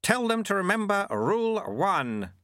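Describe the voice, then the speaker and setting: A man playing a wry, smooth old master. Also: high voice, sing-song, measured pace, sharp tone, no room sound, clean studio sound, voice pushed up, full character voice. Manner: smooth, teasing, airily lofty. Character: wry, unflappable old male sweeper and master.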